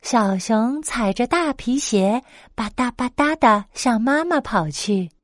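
A woman telling a bedtime story in a slow, gentle and expressive way. Her voice sits a little high and rises and falls a lot. The sound is close and dry. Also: dry recording.

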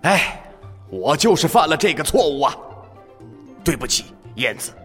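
A man's voice: big pitch swings, normal speed, a bit bright, in a large hall, soft background music. A man doing a blustering ancient king. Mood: apologetic. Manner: theatrical, swinging pitch, mocking then sheepish. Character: vain, blustering ancient king, quick to mock. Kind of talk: children's story audio drama.

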